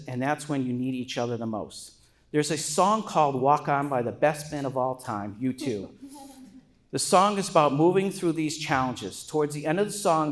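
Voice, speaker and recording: A middle-aged man giving a father of the bride speech at a wedding, prepared and sprinkled with joking asides. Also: fairly high pitch.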